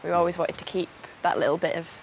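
A young man building his own home, answering interview questions quickly and casually. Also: fairly high pitch, little pitch movement, gravelly, a little hiss or hum. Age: young adult. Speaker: self-builder homeowner.

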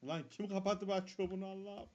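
A man's voice: high-pitched, steady tone, a little fast, a little mellow. A man commenting on a horror game as he plays, jumpy and swearing, muttering prayers under his breath when scared. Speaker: gaming streamer. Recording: dull lo-fi mic with faint noise.

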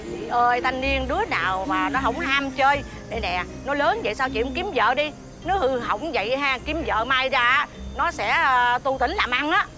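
A woman's voice: high voice, expressive, moderate pace, music in the background. An actress playing a gossipy village neighbor woman in a TV fairy-tale drama, with a chatty, coaxing manner.

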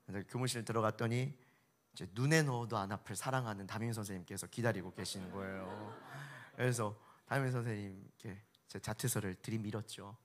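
A man, an evangelist, telling an emotional testimony on a concert stage, with vivid storytelling that swings between hushed and loud. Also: on the low side, fairly even intonation, a little fast, a little hiss or hum.

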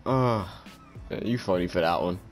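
A woman hosting a gaming video, giving excitable commentary over gameplay in voice chat and breaking into laughter and shouts. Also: extremely low pitch, a little slow, faint music behind.

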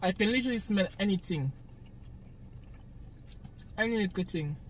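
A woman's voice: medium pitch, expressive, moderate pace. A young Jamaican woman talks casually while eating, recorded on a phone in a parked car at night. She is chatty and laughs often between her points. A faint hiss runs under her voice. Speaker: vlogger. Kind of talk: casual eating-show chat.

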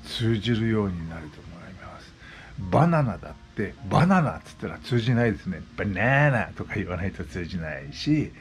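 A man's voice: deep voice, very animated, fairly quick, darkish tone, faint music behind. A man in his sixties talking casually as a vlogger, explaining things with repeated examples. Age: 60s. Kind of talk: casual monologue. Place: West Oahu, Hawaii.

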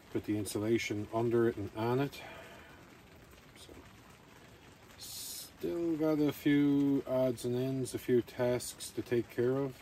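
A camping vlogger with a warm, mid-range voice chats casually to camera outdoors at a rainy campsite. The recording is low quality, with faint outdoor ambient noise.

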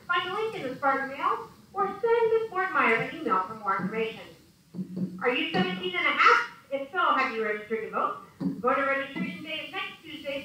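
A woman reading the morning school announcements in a steady scripted read, heard over a school PA loudspeaker in a classroom. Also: high-pitched. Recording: echoey distant loudspeaker in classroom.

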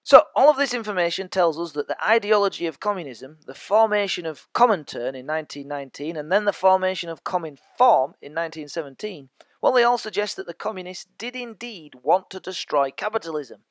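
Delivering a history lecture on his educational podcast, a man keeps things chatty and jokes with his listeners along the way. His high voice has lively intonation and a slightly fast pace, with no echo in the recording.

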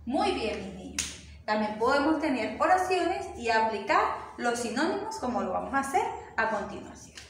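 A woman's voice: fairly high pitch, sing-song, moderate pace. A woman teaching a recorded language lesson to first graders, patient and careful, saying words out one at a time. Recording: very echoey room, voice from far off, faint hiss.

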